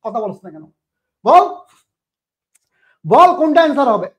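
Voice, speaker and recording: A woman's voice: high voice, very animated, normal speed. A woman teaching English grammar in an online admission-test lecture, scolding and firing questions at her students.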